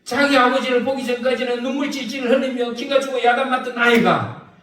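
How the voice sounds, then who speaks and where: A man preaching a sermon as a pastor, telling a story with lively rhetorical questions. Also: very high-pitched, fairly quick, reverberant, distant mic.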